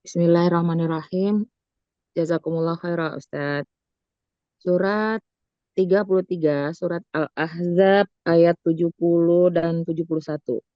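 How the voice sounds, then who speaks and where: A woman's voice: on the low side, fairly even intonation, unhurried, dry recording. A woman taking part in an online religious study group, speaking politely and briefly over a video call. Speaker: participant reading scripture. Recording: dry, dull video-call audio.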